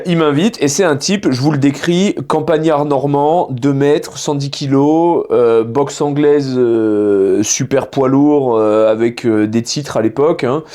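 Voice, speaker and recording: A young man from France telling rowdy stories in slangy casual chat, acting out the voices of the people he quotes. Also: mid-range voice. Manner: animated storytelling, slangy, acts out quoted voices. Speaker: podcast guest telling stories.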